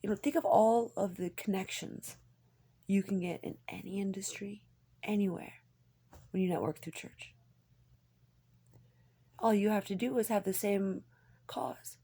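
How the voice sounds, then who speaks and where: A woman in a rambling, confessional personal monologue, halting and candid, with a husky, gravelly voice that often drops toward a whisper. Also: mid-range voice, steady tone, mellow. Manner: halting, hesitant, candid, swearing.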